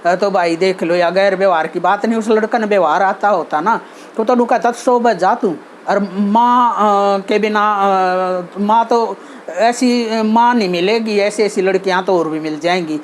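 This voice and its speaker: A woman's voice: medium pitch, measured pace, slight background noise. A woman with a Haryanvi accent hosting her channel, talking earnestly about social behavior with many fillers and restarts. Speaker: channel host giving advice. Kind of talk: casual talk on social behavior.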